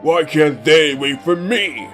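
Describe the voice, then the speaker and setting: A man's voice: fairly high pitch, animated, takes it slowly. A man voicing a nasty, arrogant steamroller with a sneering, pompous manner, music playing behind him. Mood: irritated. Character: nasty, arrogant male steamroller who hates railways.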